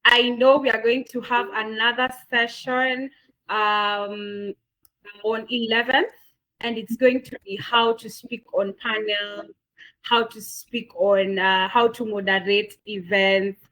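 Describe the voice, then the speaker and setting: This session moderator, a woman with a Kenyan accent, wraps up an online masterclass with enthusiasm, using many fillers and repeating words. Her high-leaning voice is steady, bright and forceful, and she takes it slowly. The recording quality is low.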